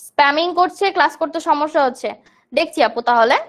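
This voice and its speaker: A woman's voice: sits high, fast. A young woman from Bangladesh teaching a live online grammar class, explaining terms and answering students' chat questions.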